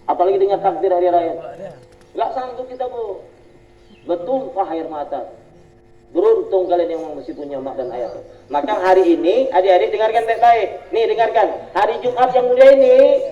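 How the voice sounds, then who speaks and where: A jokey, storytelling preacher, a man, speaks straight to his audience in a high, mellow voice. He sounds picked up from a distance in an echoey room. The recording is dull and lo-fi. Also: slight background noise. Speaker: Islamic preacher. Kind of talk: lively humorous sermon. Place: school religious gathering.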